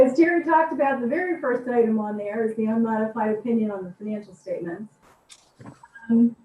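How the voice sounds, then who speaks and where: A woman auditor presents a report over a speakerphone, steady and methodical, with frequent ums. The line is thin and tinny, and she sounds distant from the mic in an echoey space. Her voice sits a little high. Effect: heard over a speakerphone from far away. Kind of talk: formal presentation at a public meeting.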